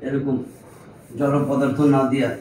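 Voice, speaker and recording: A man's voice: mid-range voice, flat delivery, moderate pace, darkish tone. A man teaching grammar to a small class, explaining step by step and checking that his students follow. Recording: echoey room, mic at a distance, faint noise.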